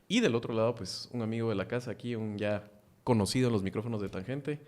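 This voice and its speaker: A man's voice: on the low side, fast talker. A man hosting a podcast panel, talking casually with many hesitations. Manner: animated, hesitant with fillers. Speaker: podcast host.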